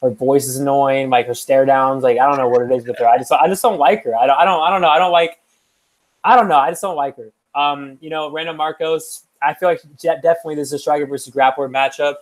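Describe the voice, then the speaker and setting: A young man talks fight picks in a casual, rambling way, circling back on himself and filling pauses with "um" and "you know". His voice sits at an ordinary middle pitch for a man. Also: steady tone, rough recording. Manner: rambling, with many fillers and restarts. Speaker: podcast co-host making fight picks. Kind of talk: casual chat.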